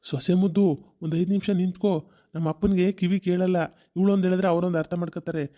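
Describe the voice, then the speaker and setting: A man's voice: high-pitched, level tone, quick pace, mellow, highs cut off, natural voice. A man voicing a confused middle-aged husband and son who pleads and asks questions in a cartoon. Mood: bewildered. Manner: bewildered, pleading.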